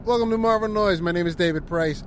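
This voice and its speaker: A man's voice: sits high, fast, a little hiss or hum, voice pushed up. A man putting on a trucker calling in over a CB walkie-talkie radio, hailing listeners as a podcast host from his car.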